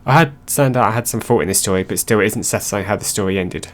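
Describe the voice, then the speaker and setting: A man narrating online stories aloud in a plain, steady reading voice. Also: lowish voice, quick pace.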